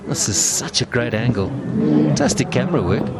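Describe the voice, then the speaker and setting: A man's voice: medium pitch, expressive, moderate pace, gravelly. A man giving live play-by-play cricket commentary. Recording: loud outdoor and vehicle noise.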